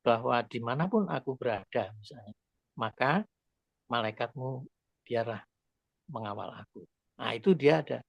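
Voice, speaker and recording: A man's voice: mid-range voice, creaky, dry recording, highs cut off. A man joining a call over a poor phone and headset, explaining his point in a rambling, hesitant way. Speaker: participant adding to the teaching. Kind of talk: casual teaching.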